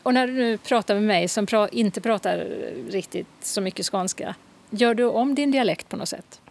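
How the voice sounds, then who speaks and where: Woman interviewer, calm short questions, middle voice. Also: mid-range voice. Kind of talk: radio-style interview questions.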